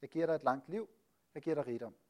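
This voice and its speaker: Man teaching a Bible lesson with a slightly high voice. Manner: rhetorical questions, frequent hesitations. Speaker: preacher.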